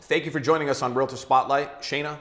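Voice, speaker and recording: A man hosting an interview segment, friendly and brisk with a promotional manner. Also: mid-range voice, steady tone, a bit bright, soft background music. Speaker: interview host. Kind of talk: hosted interview.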